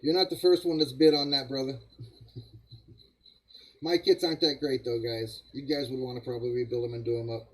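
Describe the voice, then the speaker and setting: A man's voice: mid-range voice, fairly even intonation, moderate pace, pauses often, slightly rough, rough recording. An older man hosting a live model-building stream, rambling casually to viewers and chuckling at himself. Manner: rambling, self-deprecating, chuckles often, talks to viewers as guys.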